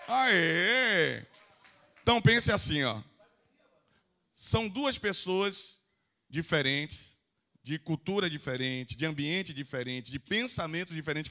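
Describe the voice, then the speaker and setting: Lecturing live in a council chamber, a Brazilian man who works as a psychoanalyst jokes with the audience and invites volunteers forward. He speaks Bahian Brazilian Portuguese in a high-pitched, pushed, bright voice.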